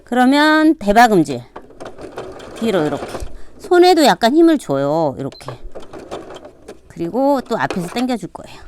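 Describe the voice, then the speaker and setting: A middle-aged woman leads a hands-on sewing lesson in a casual, chatty way, her pitch rising and falling a lot. She keeps narrating each step with "like this" while she works. She drops to a soft murmur during the fiddly stitching. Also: background noise. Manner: demonstrative, repeats "like this" while working. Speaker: sewing instructor. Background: sewing machine running.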